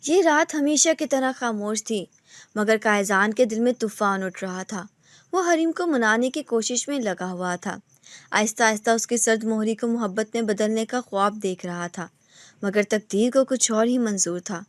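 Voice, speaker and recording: A woman's voice: a little high, no room sound, clean studio sound. Woman narrating a romance novel. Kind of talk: scripted story narration.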